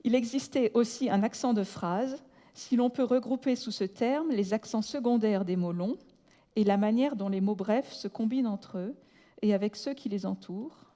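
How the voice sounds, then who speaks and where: A woman delivers a prepared academic lecture in a large hall, her mellow, darker voice carrying a long reverb tail. She reads in a measured, deliberate way and slows right down to spell out technical terms. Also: on the high side. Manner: breaks off with brief asides in English. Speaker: conference speaker.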